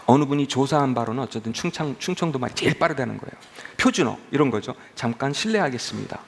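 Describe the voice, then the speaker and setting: Male pastor, gravelly, conversational sermon with light humor. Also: mid-range voice, fast talker. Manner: conversational, asks the congregation questions.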